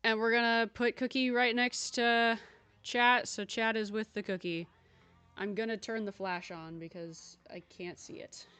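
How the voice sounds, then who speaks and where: Bright, giggly young woman streamer. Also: fairly high pitch, little pitch movement, measured pace, smooth. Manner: playful, giggly, chatting to viewers while eating. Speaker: livestream host. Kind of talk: casual livestream chat.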